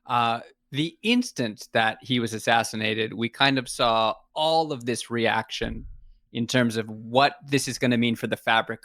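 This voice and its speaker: A man's voice: medium pitch, sharp tone, dry recording, clean studio sound. A man hosting a podcast, chatty and storytelling, often hesitating and restarting his phrases. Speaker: podcast host. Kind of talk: podcast conversation.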